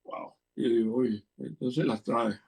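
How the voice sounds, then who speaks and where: A man's voice: mid-range voice, fairly even intonation, measured pace, vocal fry, a little mellow, far from the mic. An older man with a Venezuelan Spanish accent tells stories in an easy, playful way. He acts out the people he quotes as he goes. He sits a little back from the mic. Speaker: guest, interviewer's father. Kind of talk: anecdotal storytelling.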